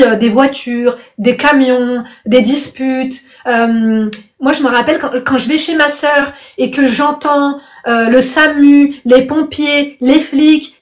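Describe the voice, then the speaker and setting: A woman hosting a casual live stream, answering viewers' comments bluntly and calling them darling. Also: sits high. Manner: punctuates opinions with "I swear" and "I'm telling you the truth". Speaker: live-stream host and life coach.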